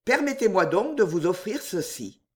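A woman voicing a calm, cunning middle-aged gentleman in an audiobook, speaking in a measured, unruffled way. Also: mid-range voice, natural voice. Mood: calm, sly. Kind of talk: audiobook character reading.

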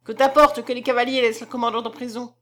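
A stiff, self-righteous young count, puffed up with pride, barking orders at his wife, as a woman reads him. He is pompous and foolish. The voice sits a touch high. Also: level tone, fast, fairly bright tone, close to an everyday voice. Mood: harsh, commanding.

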